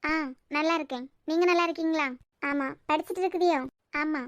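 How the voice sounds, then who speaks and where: A woman's voice: sits high, fairly even intonation, a little fast, fairly bright tone, no room sound, highs cut off. A woman with a Kanyakumari Tamil accent voicing emotional cartoon serial dialogue. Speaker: cartoon voice artist.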